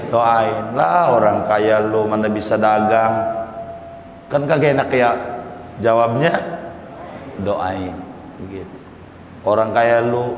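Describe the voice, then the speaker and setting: A male preacher giving a folksy sermon, repeating his points and addressing the listeners as brothers. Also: medium pitch. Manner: folksy, repetitive, calls listeners "saudara". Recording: echoey hall with faint noise.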